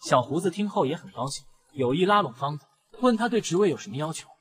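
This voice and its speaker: At a brisk pace, a man recaps a television drama in a slightly high voice with big pitch swings, rising and falling a lot as he tells the story.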